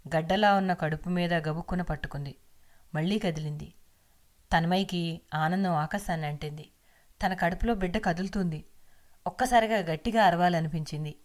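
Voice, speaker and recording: A woman reading a serialized audio novel aloud in a steady, measured storytelling voice. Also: fairly low pitch. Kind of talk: scripted storytelling narration.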